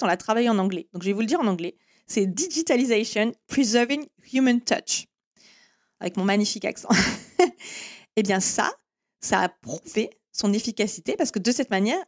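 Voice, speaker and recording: A woman hosting a solo marketing podcast, explaining step by step in a direct way and giving listeners firm instructions. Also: medium pitch. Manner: direct, explanatory, with frequent "en fait" and "eh bien".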